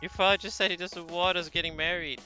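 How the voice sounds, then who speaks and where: A man's voice: high-pitched, fairly even intonation, quick pace, sharp tone, faint music behind, pitched above the performer's own voice. A man voicing a nervous young detective who stammers and gets flustered.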